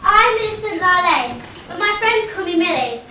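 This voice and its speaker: A woman's voice: extremely high pitch, sing-song, normal speed, heavily acted. A woman playing a chirpy, showy schoolgirl in an amateur pantomime. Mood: perky. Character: chirpy schoolgirl, young and bold. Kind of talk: amateur pantomime stage acting. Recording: echoey hall, far mic, loud noise.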